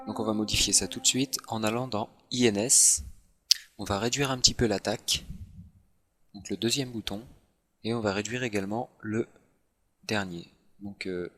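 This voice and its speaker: A man talks through a software tutorial at his computer, step by step and unhurried, dropping the odd self-mocking aside. His voice sits a little low yet comes across bright and forceful. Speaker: tutorial host. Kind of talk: screen-recorded software tutorial.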